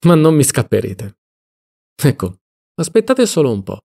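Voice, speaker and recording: A man reading an audiobook, voicing a cynical, mocking middle-aged male libertine in a low, soft drawl. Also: sing-song, moderate pace, vocal fry, exaggerated voice.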